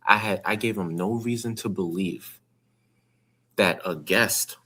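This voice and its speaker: Low-voiced man chatting on a podcast. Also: unhurried, pushed and bright, slightly rough. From New York. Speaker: podcast host. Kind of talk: casual chat.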